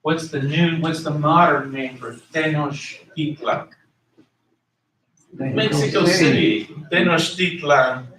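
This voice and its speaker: A man's voice: on the high side, slow, echoey room, background noise. A man teaching a class in a conversational way, asking his students questions and repeating key words, recorded in a classroom from far off. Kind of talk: classroom lecture.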